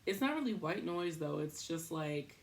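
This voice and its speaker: Chatty woman thinking out loud. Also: sits low, lively intonation, normal speed. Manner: thinks out loud, chatty, self-interrupting, laughs at herself. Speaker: podcast host. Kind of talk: casual rambling monologue.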